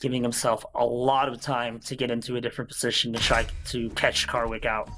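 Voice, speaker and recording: A man doing live esports play-by-play commentary, mixing punchy, excitable calls with analysis. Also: mid-range voice, brisk, slight background noise.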